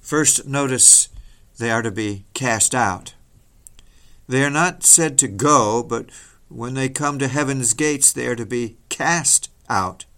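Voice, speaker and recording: A solemn man preaches a dramatic hellfire sermon in slow, forceful, declamatory style, his voice medium-pitched and bright. It's old-fashioned scripted oratory, heavy on rhetoric.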